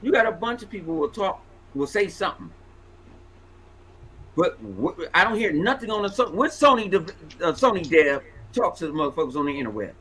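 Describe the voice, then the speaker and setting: A man in his forties hosting a podcast, ranting in a loud, profane, animated way. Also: high voice, fairly quick, slightly rough, low-quality recording. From Los Angeles. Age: 40s. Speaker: podcast host. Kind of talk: casual podcast banter.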